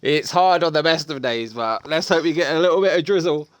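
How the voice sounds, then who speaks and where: A young man commentating a sim racing league, excitable and chatty with casual slang. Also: on the high side, brisk, clear, resonant tone, dry recording, clean studio sound. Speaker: race commentator.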